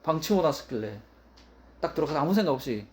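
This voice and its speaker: A man preaching a sermon as pastor, his voice pitched high and swinging widely up and down. He leans hard on his points and repeats key phrases for emphasis. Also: very animated, fast, a little mellow.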